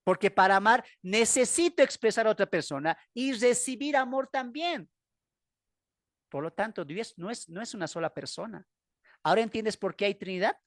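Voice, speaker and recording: A man's voice: high voice, animated, moderate pace, no echo, clean studio sound. A man with a Bolivian accent teaching a Bible class, emphatic and full of rhetorical questions. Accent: Bolivian Spanish.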